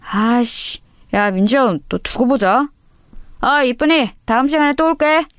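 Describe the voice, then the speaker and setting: A woman's voice: high voice, animated, measured pace, smooth, no room sound, studio quality, pitched above the performer's own voice. A woman voicing a menacing teenage male school bully who talks in threats, in an audio story. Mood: menacing swagger. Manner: threatening, swaggering.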